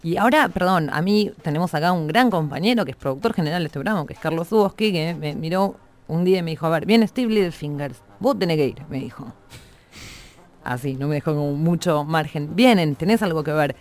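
A woman's voice: low-pitched, lively intonation, fairly quick. A woman with a Rioplatense accent hosting a radio show, interviewing a guest in a casual, reflective way. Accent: Rioplatense Spanish. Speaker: radio host.

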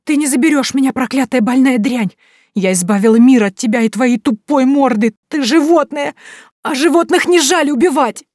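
A woman voicing a terrified young woman who screeches and shouts in panic. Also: medium pitch, brisk, no room sound, clean studio sound, lightly acted. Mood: panicked, hysterical.

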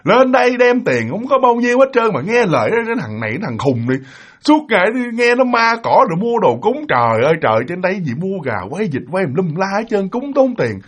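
A man's voice: sits high, lively intonation, fairly bright tone, husky, heavily acted. A man voicing an exasperated, bossy older brother who scolds in a Southern Vietnamese accent. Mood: grumbling. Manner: scolding, fast grumbling rants.

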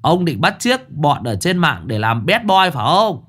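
A man puts on a shrill, irritable young master who nags in a raised, sharp voice. His tone swings widely as he scolds, like a storybook character. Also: big pitch swings, normal speed, husky, heavily acted. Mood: scolding. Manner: scolding, nagging.

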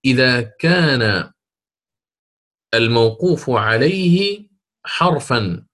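A man teaching a lesson on Quran recitation rules, explaining step by step and stretching out example words slowly. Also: medium pitch, animated, a bit bright. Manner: slow, drawn-out example words, repeats for emphasis.

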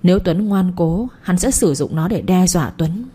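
Husky-voiced woman narrating a novel. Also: fairly low pitch, lively intonation, moderate pace, warm tone. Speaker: audiobook narrator. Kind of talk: scripted story narration.

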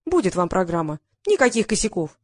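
A woman voicing a brash young female TV producer who barks loud, rapid orders. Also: mid-range voice, very animated, no echo, studio quality. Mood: bossy.

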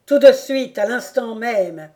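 A woman reading the part of a frightened nobleman who barks loud, urgent orders at his servants, in an audiobook. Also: a little high, lively intonation, slow, pitched above the performer's own voice. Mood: commanding. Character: terrified aristocratic count barking orders at servants.

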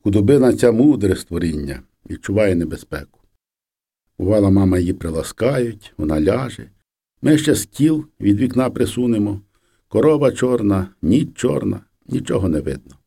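A man narrating a memoir as an audiobook, in a steady, measured reading. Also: fairly low pitch, gravelly, husky. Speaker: audiobook reader.

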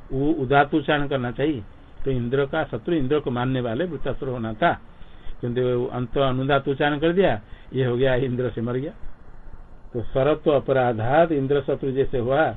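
A man teaching a class in an ashram on Sanskrit grammar and pronunciation. He explains slowly, drills words by repeating them and puts questions to his listeners. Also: medium pitch. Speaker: swami teaching Sanskrit scripture. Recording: tinny phone-like lo-fi recording.

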